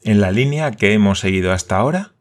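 Man doing an eager, excitable scholar. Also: on the low side, fast talker, lightly acted.

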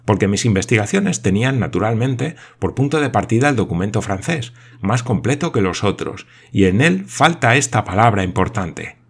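A man voicing an excitable, talkative male geographer in an audiobook, speaking eagerly and with emphasis. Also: fairly low pitch, moderate pace, breathy edge, voice pushed up. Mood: convinced.

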